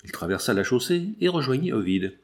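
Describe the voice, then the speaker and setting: Steady male audiobook narrator. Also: medium pitch, fairly quick, vocal fry. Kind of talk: scripted narration.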